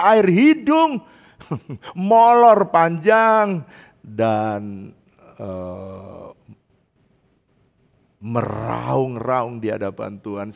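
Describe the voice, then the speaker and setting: Animated older male pastor preaching. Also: medium pitch. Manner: animated, laughing often, swinging between loud and hushed. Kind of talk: sermon. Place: church, online service.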